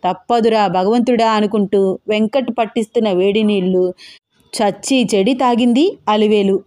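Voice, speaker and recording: A woman narrating a family audio story in an even, plain storytelling voice. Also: mid-range voice, normal speed.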